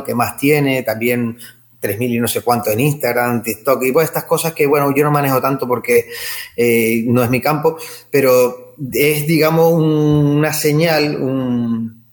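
A man from the Canary Islands speaks with a Canarian Spanish accent in a middle register. He answers as an expert guest, explaining at length in a discursive way and checking in with frequent tag questions. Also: mid-range voice. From Tenerife, Canary Islands. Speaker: ethnomusicologist guest.

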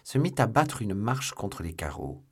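A man reading a classic novel aloud as an audiobook narrator, in measured, expressive narration. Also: on the low side, slightly rough. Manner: measured and expressive, voicing the characters. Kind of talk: scripted literary narration.

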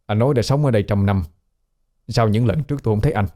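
A man's voice: fairly low pitch, fast, mellow, close to an everyday voice. A man voicing a polite, inquisitive young man questioning a ghost.

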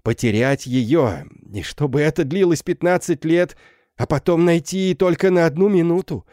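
Guy doing a frantic old hermit mom, wild and teary, pitched way up, mellow tone, dry sound. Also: lively intonation, a little slow, no room sound. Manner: wild, tearful, swinging between joy and terror. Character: frantic older woman, a half-mad recluse mother. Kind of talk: audiobook character voice.

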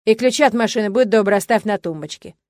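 A woman voicing a cruel, contemptuous middle-aged father who shouts and sneers insults. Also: mid-range voice, fast, no room sound, clean studio sound, lightly acted. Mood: cold threatening.

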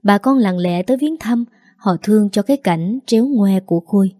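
A woman narrating a sad family story in a gentle, steady way. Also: medium pitch, moderate pace, dry recording, studio quality. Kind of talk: scripted narration.

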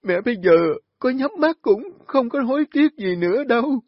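A man's voice: very high-pitched, lively intonation, moderate pace, no room sound, voice pushed up. A man putting on a frail, tearful old grandmother. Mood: tearful joy. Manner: pleading, voice breaking with sobs. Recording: dull lo-fi recording.

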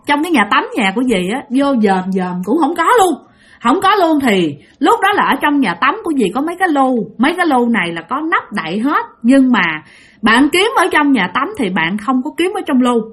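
A woman narrates a ghost story to an audience, speaking directly to her listeners in a chatty, emphatic way. Her voice is high and a little bright.

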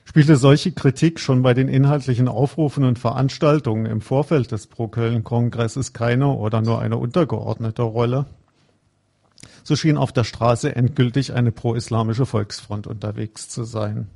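A man giving a conference lecture, reading a prepared script in a measured, formal way. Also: mid-range voice, fairly even intonation, vocal fry, warm tone. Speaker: conference speaker.

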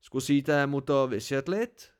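A man's voice: mid-range voice, smooth, lightly acted. A man reading an audiobook, voicing an irritable, blunt male student friend who scolds. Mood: irritated.

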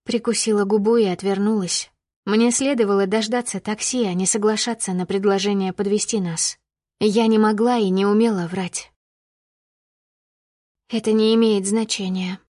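A woman narrating a first-person audiobook with steady storytelling that rises with emotion in dialogue. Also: medium pitch, moderate pace, no room sound, studio quality.

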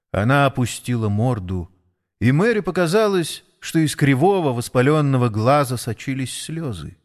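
Expressive male storyteller. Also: mid-range voice. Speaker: narrator. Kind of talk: audiobook story reading.

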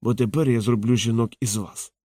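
A man's voice: mid-range voice, steady tone, fairly quick, dark tone, no room sound, clean studio sound, natural voice. A man doing a slurring drunk brute. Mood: drunken menace. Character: drunk, hulking, vengeful jealous husband. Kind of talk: audiobook character voice.

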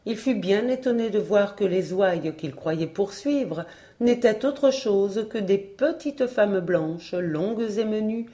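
A woman narrates a folk tale as an audiobook reader. Her storytelling is measured and expressive. Her voice is mellow and warm, and sits at a middle pitch.

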